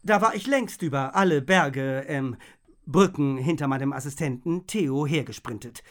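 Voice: mid-range voice, moderate pace. A narrator reading a children's audiobook in the first person, playful, with comic asides.

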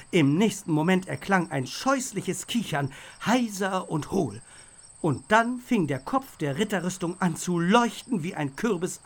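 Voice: medium pitch, husky. A narrator reading a children's audiobook in the first person, playful, with comic asides.

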